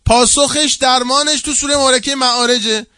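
A man, a seminary cleric, giving a colloquial sermon full of anecdotes, swinging from loud, lively telling to hushed, earnest asides. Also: extremely high pitch, no echo, clean studio sound.

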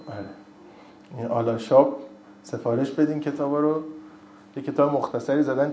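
A man's voice: mid-range voice, darkish tone, a little hiss or hum. A man giving an informal religious lecture, telling stories with joking asides and reciting old narrations in between. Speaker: religious speaker. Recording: roomy echo.

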